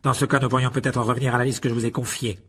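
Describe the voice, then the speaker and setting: A man doing a storybook aristocrat, a wizard father who is cold, haughty and sure of his own rank. He talks in a clipped, condescending way with a slightly husky voice. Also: medium pitch, level tone, racing, a bit bright.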